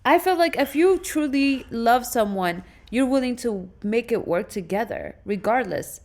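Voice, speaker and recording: A young woman from Ethiopia co-hosting a casual dating podcast, blunt and quick to laugh. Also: on the high side. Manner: laughs often, animated, blunt. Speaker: podcast co-host. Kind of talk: casual chat.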